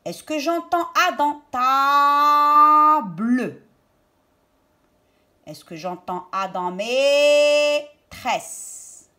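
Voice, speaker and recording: A woman teaching a reading lesson to young children, stressing and repeating each word slowly and deliberately. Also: mid-range voice, sing-song, fairly bright tone.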